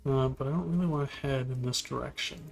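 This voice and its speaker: A man giving relaxed, musing commentary while playing a video game, now and then talking to things on screen. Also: mid-range voice, fast talker, gravelly, faint music behind. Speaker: gameplay video host. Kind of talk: casual gameplay commentary.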